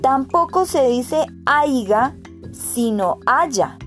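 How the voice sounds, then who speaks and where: A woman's voice: fairly high pitch, animated, a little slow, darkish tone, soft background music. A woman voicing a grumpy, arrogant little male rabbit in a storybook reading, grumbling and scolding. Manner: grumbling, know-it-all scolding.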